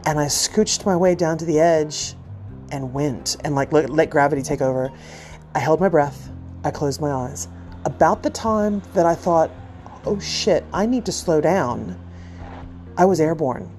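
A woman's voice: sits low, normal speed, a little mellow, soft background music. A woman hosting a podcast, telling a personal story in a rambling, self-deprecating, chatty way. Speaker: podcast host.

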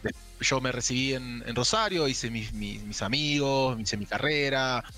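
A man in his forties with a mixed Argentine and Chilean accent, chatting as a podcast guest over a remote call, relaxed and jokey, swearing casually, with faint music behind. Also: medium pitch, a little slow.

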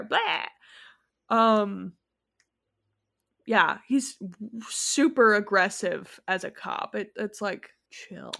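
Rambling woman in casual chat. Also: a little high. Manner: rambling, self-correcting, animated asides. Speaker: podcast co-host.

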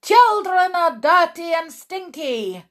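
A woman voicing a screaming, tyrannical old female witch leader who rants slowly and loudly. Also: a little high, expressive, voice pushed up, heavily acted. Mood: ranting. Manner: shrieking, ranting, slow and loud.

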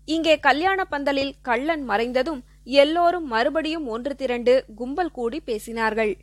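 A woman reading a classic novel aloud as an audiobook narrator, in a measured, expressive storytelling voice. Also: sits high, no room sound, clean studio sound. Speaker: audiobook reader. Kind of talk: scripted narration.

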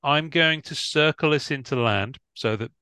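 A man's voice: fairly high pitch, normal speed, sharp tone, clear, resonant tone, dry recording. A middle-aged man hosting a podcast in a casual, wry way, often repeating himself. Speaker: podcast host. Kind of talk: casual podcast chat and sign-off.

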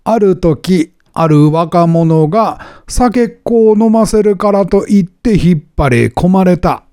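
A man reads an old folk tale aloud at a very slow, deliberate pace. His voice sits high but sounds dark and mellow. It has a strong gravelly fry and is recorded very dry. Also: animated, no room sound. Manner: measured, deliberate storytelling. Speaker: narrator.

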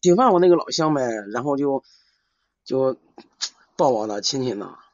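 A man calling in for advice, chatting casually in a hesitant, halting way and repeating himself. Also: medium pitch, expressive, no echo. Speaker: caller seeking advice. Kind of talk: casual chat. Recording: dull lo-fi live call.

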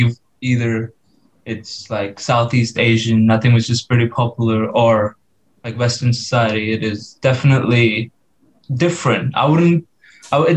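A man's voice: medium pitch, rough recording. A twenty-year-old man from India, a guest on a podcast, chatting casually and laughing often. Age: 20s. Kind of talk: casual chat.

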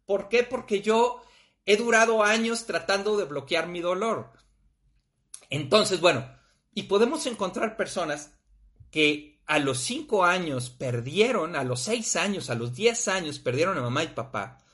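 Animated, profane Mexican man. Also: sits high, a little slow. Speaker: podcast host. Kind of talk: casual talk on grief.

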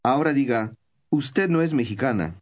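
A man giving scripted instructions in a language course, with calm, measured prompts for the listener to repeat. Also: medium pitch.

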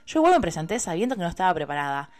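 A young woman with an Argentine Spanish accent, a university student telling a personal story in a casual, expressive, chatty way and swearing freely. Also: on the low side, rapid-fire. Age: young adult.

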